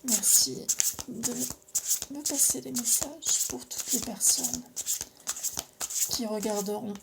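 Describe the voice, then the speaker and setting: Brief: woman card reader, higher voice, slow and gentle, hushed asides. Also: gravelly, very noisy. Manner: slow, gentle, drawn-out phrasing with pauses. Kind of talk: casual oracle card reading.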